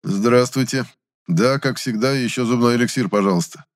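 A man voicing a polite, formal older male official with a measured, courteous manner. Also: medium pitch, pitched above the performer's own voice, close to an everyday voice.

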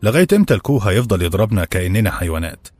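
A man's voice: lowish voice, big pitch swings, racing, a little mellow, dry recording, soft background music. A man doing a defiant servant with an Egyptian accent. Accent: Egyptian Arabic. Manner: firm, impassioned arguing. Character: defiant young male servant demanding dignity.

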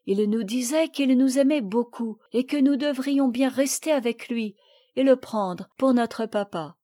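A woman reading the part of a little girl who sadly recounts a shipwreck, in a gentle, measured voice. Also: fairly high pitch. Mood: sad, earnest. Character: little girl recalling a shipwreck, sad and earnest. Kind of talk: audiobook reading.

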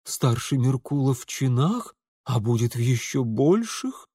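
A man's voice: mid-range voice, big pitch swings, unhurried, warm tone, slightly rough, dry recording, studio quality, heavily acted. A man voicing a fainting noble mother who speaks plaintively in a feeble, dying voice.

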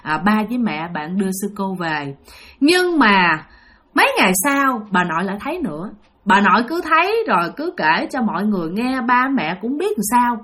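A woman's voice: medium pitch, sing-song, moderate pace, a bit bright. A woman telling a ghost story in a chatty way, talking straight to her listeners. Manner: chatty, addresses listeners directly, lots of fillers.

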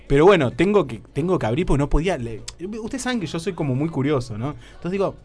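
A young man with a Rioplatense accent tells a comic story on air, acting out his own lines and using crude slang. His voice sits a little high and swings up and down all the time. Music plays softly behind him. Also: big pitch swings, fast talker. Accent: Rioplatense Spanish. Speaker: radio comedy host telling a story.

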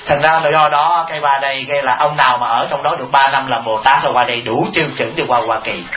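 A man's voice: mid-range voice, fairly even intonation, fast, a little hiss or hum. A male Buddhist monk giving a humorous dharma talk, asking the audience rhetorical questions and chuckling. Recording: echoey, muffled hall recording.

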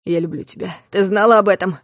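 A woman voicing a desperate, drunk young man who makes a hushed, broken confession in an audiobook story. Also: medium pitch, fast talker, dry recording, studio quality, close to an everyday voice. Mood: confessing.

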